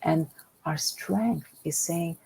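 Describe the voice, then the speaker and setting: A woman's voice: sits low, takes it slowly, vocal fry, darkish tone, slight background noise, poor audio. A woman from Greece, a guest on a business podcast, speaking earnestly and often repeating words as she starts a thought. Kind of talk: podcast interview.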